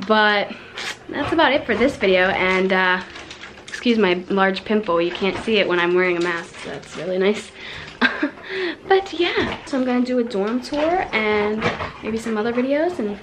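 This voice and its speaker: A woman's voice: medium pitch, lively intonation, normal speed, background noise. A young woman chatting casually to camera in a vlog, giggly and talkative. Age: young adult. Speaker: vlogger.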